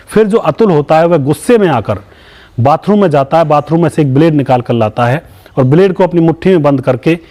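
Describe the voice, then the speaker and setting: A man's voice: a little high, dark tone. A man hosting a YouTube channel, retelling a true crime story and often addressing the viewers as friends, then moralizing and asking for their views. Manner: moralizing, asks viewers for opinions.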